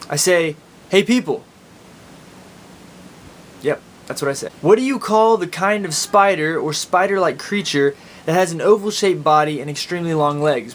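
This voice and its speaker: A man with an Oklahoma accent chatting casually and informally as a video blogger. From Oklahoma, United States. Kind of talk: casual chat to camera, answering accent tag questions. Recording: steady background noise with low rumble.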